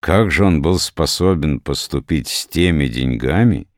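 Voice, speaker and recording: A man reading wise King Solomon, measured and low. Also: lively intonation, no echo, clean studio sound. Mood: judging. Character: wise old king judging travelers.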